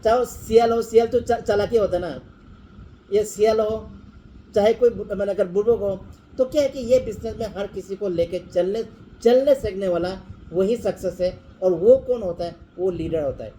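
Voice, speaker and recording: A man with a high yet mellow voice gives his business team an earnest motivational talk. He mixes Hindi and English and keeps repeating his points, over faint background noise. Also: normal speed, poor audio.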